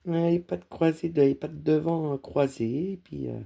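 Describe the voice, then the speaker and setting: A woman's voice: sits low, a little slow, gravelly, warm tone. A woman cross-stitch vlogger chatting casually while she stitches and talks fondly to her dog.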